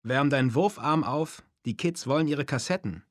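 A man's voice: medium pitch, moderate pace, no room sound, studio quality, pitched above the performer's own voice, close to an everyday voice. A man voicing a cheerful male band manager who teases in a sing-song way in a storybook reading. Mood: teasing.

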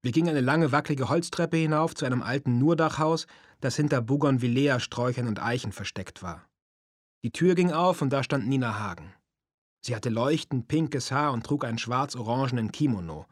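A man calmly narrating a memoir as an audiobook in an even storytelling tone. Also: mid-range voice, normal speed, no echo, studio quality.

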